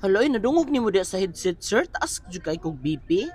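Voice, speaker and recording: A woman's voice: medium pitch, very animated, brisk, darkish tone, lightly acted. A woman playing an anxious, chatty patient in a comedy sketch, fretful and polite, calling the nurse sir again and again. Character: anxious, chatty woman patient worried about blood pressure.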